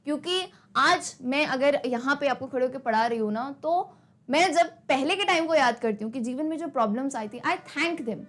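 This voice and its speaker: High-voiced woman teaching a class. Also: normal speed. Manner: mixes Hindi with English words, asks and answers students' questions herself. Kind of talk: classroom lesson explanation.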